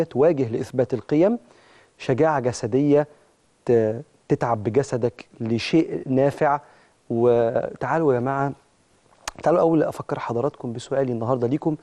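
A man's voice: medium pitch, dark tone. A man with an Egyptian accent hosting a religious motivational talk show, preaching emphatically and speaking straight to his listeners.

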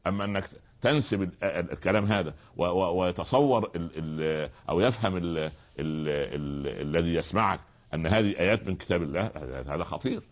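A man's voice: low-pitched, fairly quick. A man with an Egyptian Arabic accent giving a spoken religious lesson, explaining with rhetorical questions and repeated examples. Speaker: religious teacher. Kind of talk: spoken lesson on Quran recitation.

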